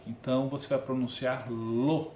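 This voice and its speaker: A man's voice: mid-range voice, level tone, unhurried, a little mellow, a little hiss or hum. Man teaching Hebrew in echoey room. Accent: Brazilian Portuguese. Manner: explanatory, conversational, frequent "né?" and "tá?" checks. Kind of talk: recorded online lesson. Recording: echoey room with faint ambience.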